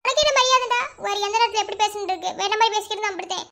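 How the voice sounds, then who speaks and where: A woman voicing a tearful, sharp-tongued young village wife in a cartoon, speaking with a Madurai Tamil accent in a squeaky, scolding voice. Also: very fast, heavily acted. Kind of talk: cartoon voice acting.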